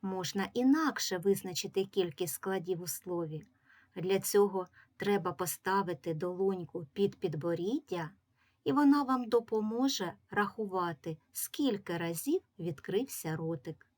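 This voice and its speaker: A woman's voice: mid-range voice, lively intonation, a little mellow. A woman teacher giving a reading lesson to young children, patiently sounding out words syllable by syllable. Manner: slow, patient, drawing out syllables. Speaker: primary school teacher.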